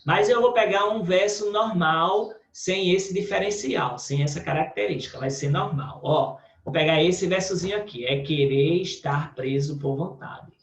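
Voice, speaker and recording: A man's voice: a little high, normal speed, few pauses. A male teacher with a Brazilian Portuguese accent, patiently explaining a recorded lesson with many check-ins to the class. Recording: echoey room, dull lo-fi audio.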